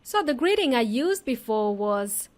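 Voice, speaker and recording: A podcast host and English teacher gives a casual lesson for learners in a fairly high, very animated voice at a measured pace. She keeps it chatty and informal, explaining simply, repeating things and talking straight to her listeners.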